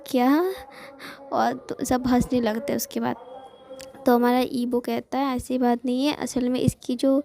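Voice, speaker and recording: A woman's voice: sits high, mellow. A woman with an Indian accent casually retelling a fan fiction story in a chatty way, with many fillers, quoting each character in turn.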